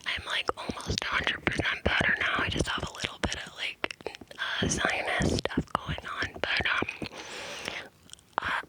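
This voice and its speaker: Cupped-hand ASMR whisperer, rambling casually. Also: low-quality recording. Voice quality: breathy unvoiced whisper. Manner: rambling, casual, hesitant asides. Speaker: ASMR creator. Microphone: close ear-to-ear microphone.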